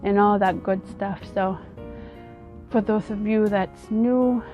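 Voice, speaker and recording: A woman from Ethiopia, vlogging outdoors in an earnest, halting way and often repeating her words. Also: mid-range voice, fairly even intonation, warm tone, dull audio, faint music behind. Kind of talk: casual personal vlog talk.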